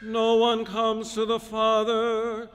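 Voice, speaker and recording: A man chanting the gospel reading at Mass in a smooth, even tone, heard in a large church with a cathedral echo. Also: high voice, slow pace. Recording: long cathedral reverb, faint music.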